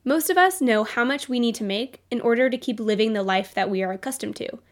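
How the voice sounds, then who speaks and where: A woman's voice: a little high, brisk. Upbeat woman podcast host with a cold. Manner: upbeat, motivational coaching. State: nasal from a cold. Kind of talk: solo business podcast.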